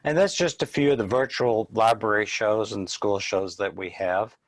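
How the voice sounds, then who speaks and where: Male business presenter, slightly low voice, dry close sound, informal and explanatory. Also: moderate pace, no echo, soft background music.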